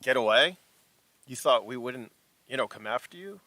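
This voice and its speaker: A man puts on a cold male corporate operative in a tabletop game, threatening in calm, level terms. The voice is bright and forward. He never needs to shout to make the danger plain. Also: medium pitch, normal speed, dry recording. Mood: accusing.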